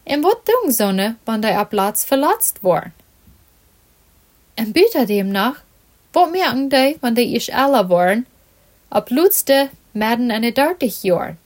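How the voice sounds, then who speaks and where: Woman reading caring young woman, anxious, pleading, storybook, high pitch. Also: sing-song, takes it slowly.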